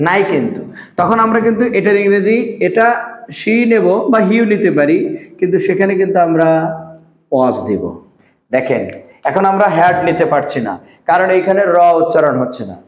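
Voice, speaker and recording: A man teaching a language lesson, repeating each point and asking the viewer questions. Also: fairly high pitch. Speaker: English teacher. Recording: echoey room, dull lo-fi sound.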